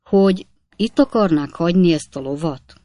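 A woman voicing a surly red-haired country man who answers gruffly in short, curt phrases. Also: lowish voice, lively intonation, mellow, no echo, lightly acted.

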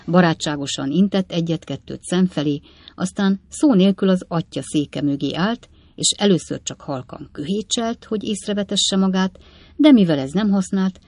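A woman narrating a classic novel as an audiobook, in a measured storytelling manner. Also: fairly low pitch, a little mellow, no echo.

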